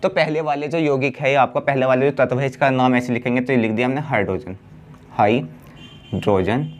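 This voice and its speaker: Man teaching chemistry, drawn-out answers. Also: mid-range voice, fairly even intonation, slight background noise. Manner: asks the class questions and answers himself, stretching key words. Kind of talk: blackboard lesson.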